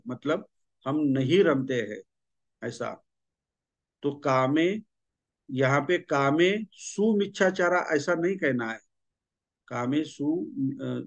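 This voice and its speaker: A man teaching a grammar lesson, explaining slowly and repeating himself, with frequent fillers. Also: fairly high pitch, no echo, dull audio. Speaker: language teacher.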